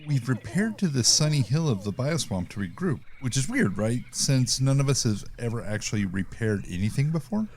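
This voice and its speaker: A man's voice: medium pitch, big pitch swings, moderate pace, few pauses, darkish tone, a little hiss or hum. A man playing a genial, literal-minded crewman in a comedic audio drama. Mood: puzzled.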